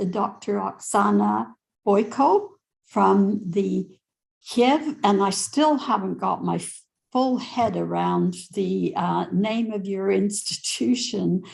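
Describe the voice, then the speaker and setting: An older woman on a video call from home, chairing a panel, warm and chatty with self-deprecating asides. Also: medium pitch, vocal fry, rough recording. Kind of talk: moderating a conference panel.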